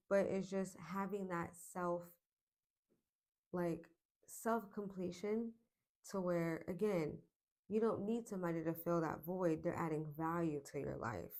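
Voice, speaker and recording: Lower-voiced woman in her twenties, reflective vlog. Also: fairly even intonation, a little mellow. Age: 20s. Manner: reflective, frequent pauses and fillers. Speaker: vlogger. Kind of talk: casual self-help vlog.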